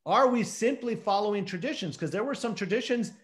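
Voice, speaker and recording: A man's voice: sits high, lively intonation, brisk. A man in his fifties with a standard American accent, explaining emphatically as a professor in an interview on a video call. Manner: explanatory, emphatic, asks rhetorical questions. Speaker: professor and author, interview guest. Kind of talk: scholarly discussion in an interview. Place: indoor room, video call.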